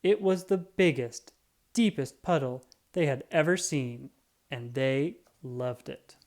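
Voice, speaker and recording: Here a narrator performs a children's story aloud. The delivery is deliberate and expressive, and the pitch sits at a medium level, like a storybook reader's.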